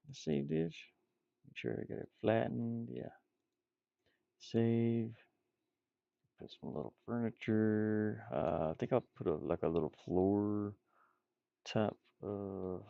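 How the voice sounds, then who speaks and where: An indie game developer streams while working on game art, rambling casually, muttering playfully to himself and repeating words. His voice is lowish with vocal fry, and the recording is dry and lo-fi.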